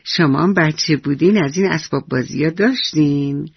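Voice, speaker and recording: A woman voicing a cheerful, curious little boy who speaks slowly and eagerly, on a dull lo-fi radio recording. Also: low-pitched, creaky, husky, no echo, heavily acted.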